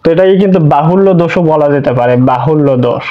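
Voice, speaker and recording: High-voiced man teaching grammar. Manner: explains slowly, repeats words and restarts, asks rhetorical questions. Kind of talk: online grammar lesson in Bengali. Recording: dull lo-fi recording.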